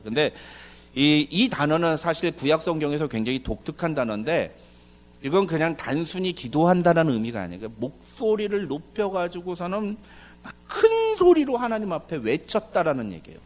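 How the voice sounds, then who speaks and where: A man preaching a sermon as pastor, animated and questioning the congregation, with loud dramatic outbursts. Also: medium pitch. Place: church service.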